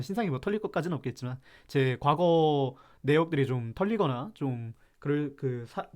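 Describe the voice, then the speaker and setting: A man's voice: a little high, a little mellow. Guy from chungcheong doing a live stream, mock serious food rant, chatty, answers the chat. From Chungcheong, South Korea.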